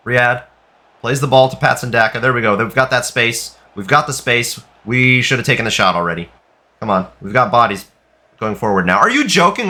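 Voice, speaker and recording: A young man giving live, frustrated commentary over a football video game, often shouting at his players. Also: medium pitch. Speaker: gaming YouTuber.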